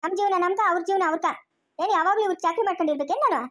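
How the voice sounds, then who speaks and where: Woman, one-woman family quarrel drama, rapid and bickering. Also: extremely high pitch, pushed and bright. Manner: scolding, quarrelsome, switches between characters. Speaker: solo actor playing a whole family.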